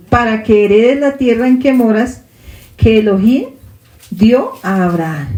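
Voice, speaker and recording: Colombian Spanish woman teacher, mellow and fairly high voice, echoey room, questions for the flock. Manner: checks in with listeners by asking questions. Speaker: Bible teacher. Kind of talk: congregational Bible teaching.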